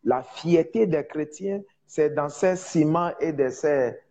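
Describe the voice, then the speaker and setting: In a dull recording, a male evangelist who learned French as a second language gives informal teaching with a foreign accent. His mellow voice runs on the high side, and as a preacher and self-described prophet he repeats points emphatically and stumbles while hunting for words.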